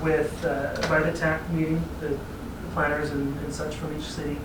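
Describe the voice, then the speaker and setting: This regional transportation planning staffer presents to a city council at a moderate pace, his slightly high voice totally flat. Still, his manner is relaxed and explanatory, and he chuckles at his own asides; the recording comes from a distant mic in an echoey chamber with noticeable background noise.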